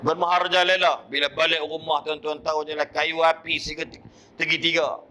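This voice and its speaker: A male preacher with a Malaysian Malay accent gives a mosque sermon full of lively storytelling and acted-out voices. His voice sits on the high side and he talks briskly.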